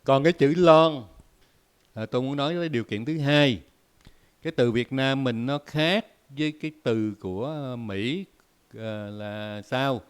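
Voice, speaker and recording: A man from Vietnam talks through his own commentary show in a loose, unscripted way. His voice is smooth and resonant, at an ordinary pitch, and he leans on constant "à" and "ờ" fillers. He often stops to repeat words and draw out spoken examples. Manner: many filler "à" and "ờ", repeats words while thinking; explains by drawn-out spoken examples. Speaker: host. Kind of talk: casual commentary monologue.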